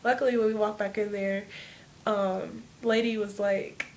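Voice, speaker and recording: A teenage girl tells a personal story from her room in a casual, rambling way. She keeps tossing in "like" and trails from one thought to the next. A faint background noise sits beneath her mid-pitched voice. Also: level tone, a little slow. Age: teens. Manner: rambling, filler-heavy with "like". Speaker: vlogger. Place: home room.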